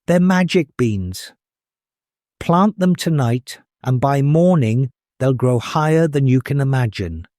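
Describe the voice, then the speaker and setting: A man's voice: mid-range voice, lively intonation, takes it slowly, darkish tone, no room sound, clean studio sound. A man voicing a mysterious, sly old man in a children's storybook, coaxing and secretive.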